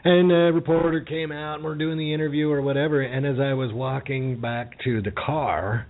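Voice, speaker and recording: A man's voice: mid-range voice, fairly even intonation, moderate pace. A man hosting a casual podcast interview, chatty and full of "you know" fillers. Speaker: podcast host. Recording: phone-like narrow audio.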